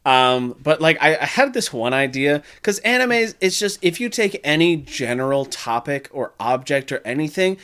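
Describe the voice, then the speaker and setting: A young man co-hosting a gaming podcast in casual chat, rambling and animated, swearing freely and getting loud when worked up. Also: a little high, moderate pace, hardly any pauses, clear, resonant tone. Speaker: podcast co-host.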